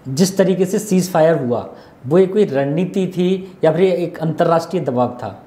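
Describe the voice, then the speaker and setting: A man's voice: a little high, moderate pace, mellow. A man hosting a podcast, asking brief, plain questions. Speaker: podcast host, interviewer. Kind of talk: interview questions. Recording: roomy echo.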